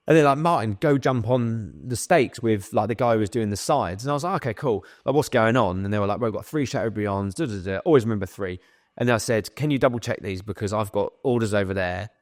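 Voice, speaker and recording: A young man tells long stories into a studio podcast mic. His voice sits a little low and sounds dry and close. He is animated, swears casually, and slips into other people's voices when he quotes them. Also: dry recording. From England. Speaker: guest. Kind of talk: casual storytelling.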